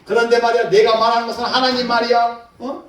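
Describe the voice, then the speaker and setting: A man's voice: very high voice, monotone, quick pace, slight background noise. A male pastor preaching a sermon in an emphatic way, putting rhetorical questions to the congregation. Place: church sanctuary. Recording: echoey hall, mic far off.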